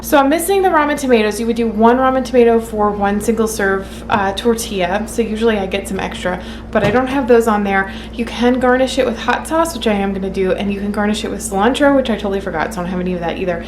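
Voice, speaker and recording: Woman chatting over noticeable background noise. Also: medium pitch. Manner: informal, explanatory, loosely improvised. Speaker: vlog host showing home cooking. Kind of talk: casual cooking vlog chat to viewers. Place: home kitchen.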